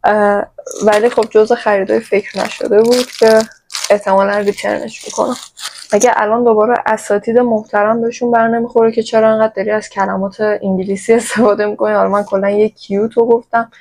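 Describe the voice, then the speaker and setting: A woman's voice: mid-range voice, flat delivery, a little mellow, slight background noise, rough recording. A woman from Iran chatting playfully to her viewers in a casual shopping haul vlog, recorded on her own microphone. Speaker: vlogger.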